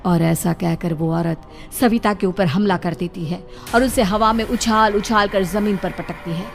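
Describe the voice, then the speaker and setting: A woman narrates a scripted dramatic story. Clear background music runs beneath her storytelling. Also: mid-range voice, fairly even intonation, moderate pace.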